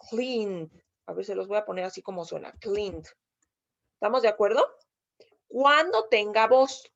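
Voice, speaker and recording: Patient Mexican woman teacher, dull lo-fi audio. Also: fairly high pitch. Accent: Mexican Spanish. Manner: patient step-by-step explaining, checks understanding with frequent "¿sí?". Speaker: English teacher. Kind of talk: video lesson explaining grammar.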